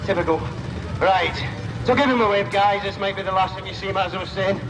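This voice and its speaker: A man hypes up a crowd at a live outdoor stunt show, cracking jokes in casual patter. Heard through an outdoor PA with a long reverb tail, his high voice moves fairly quickly over crowd, vehicle and outdoor noise.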